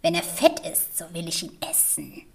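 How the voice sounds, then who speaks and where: A man's voice: on the high side, very animated, normal speed, a bit bright, pitched above the performer's own voice. Cackling wicked old witch, as a man puts her on. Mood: cackling, spiteful. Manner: cackling, mocking. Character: wicked old witch who eats children. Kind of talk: fairy tale reading.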